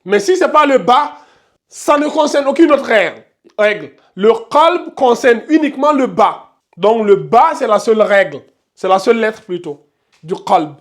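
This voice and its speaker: High-voiced man teaching in a classroom. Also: animated. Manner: repeats each point and checks understanding; slows down to spell out Arabic pronunciations. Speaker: tajwid teacher. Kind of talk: classroom lesson at a board. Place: classroom with students.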